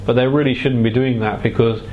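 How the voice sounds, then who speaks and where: A man speaking as a hypnotherapist to a client, guiding and explaining in halting, deliberate phrases with pauses. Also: medium pitch, steady tone, dull audio, slight background noise. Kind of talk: guided relaxation and explanation to a client.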